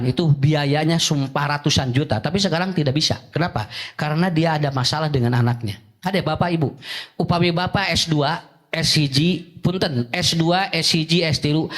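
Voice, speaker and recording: A middle-aged male preacher with a Sundanese accent addresses parents in a sermon. He switches into short acted-out exchanges between parents and children, keeping the delivery animated. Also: a little high.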